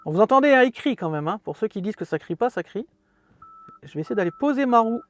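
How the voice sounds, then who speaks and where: A man's voice: high voice, lively intonation, fast talker. A man hosting a casual car walkthrough from inside his parked car, chatty and fond of self-mocking jokes. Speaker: car video host.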